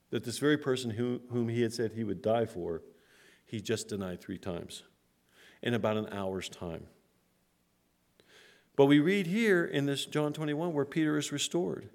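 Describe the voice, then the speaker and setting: A man delivers a sermon in a voice of ordinary middle pitch. He asks his listeners whether they follow him and stretches important words for weight. When the story turns grave, he sinks low and quiet. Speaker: preacher.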